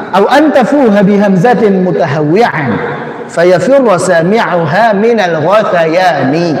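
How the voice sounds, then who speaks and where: A man's voice: high-pitched, a little mellow, a little hiss or hum. A man teaching Quran pronunciation in a live lecture, switching between chanted Arabic examples and casual explanation. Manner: demonstrates recitation errors in chanted Arabic, then explains in casual speech. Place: large mosque hall. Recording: echoey mosque hall, long reverb.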